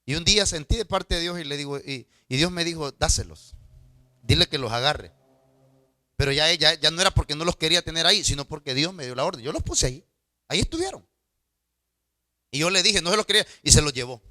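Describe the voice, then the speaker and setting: A man preaching to his church, jumping between loud, excited outbursts and low, confiding asides, often stammering over his words. His voice sits a little high and rings very bright. The sound is close and dry, with no room echo. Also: a little fast. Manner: stammering repetitions. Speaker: pastor. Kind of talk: sermon with storytelling.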